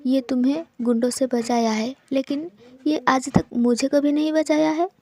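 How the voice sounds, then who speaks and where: A woman voicing a loud, joking young man who teases his friends in playful banter. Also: high voice, fairly even intonation, moderate pace. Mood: teasing.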